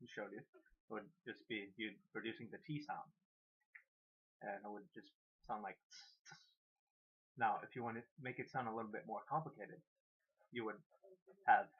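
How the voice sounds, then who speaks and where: A man explaining beatboxing step by step in a casual, halting way, often restarting his sentences. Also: lowish voice, fairly bright tone, breathy edge, dull audio. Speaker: beatbox tutor. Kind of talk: casual how-to demonstration.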